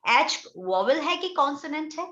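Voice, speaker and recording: A woman's voice: sits high, big pitch swings, moderate pace, bright, forceful tone. An Indian woman teaching English grammar to a class, explaining step by step and often checking whether the students understand. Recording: echoey classroom, dull lo-fi sound.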